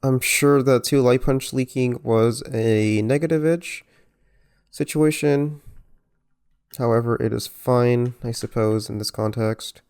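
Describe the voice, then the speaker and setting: A man giving careful, unhurried commentary on a replay of his own fighting game match, with muttered self-critical asides. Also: medium pitch, darkish tone, smooth. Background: music.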